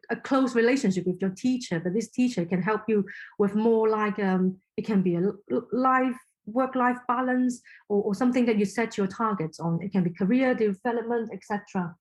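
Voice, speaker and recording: Woman from Hong Kong, slightly high voice. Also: normal speed, darkish tone, low-quality recording. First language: Chinese. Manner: thoughtful, with frequent fillers and restarts. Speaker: podcast guest. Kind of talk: casual interview talk.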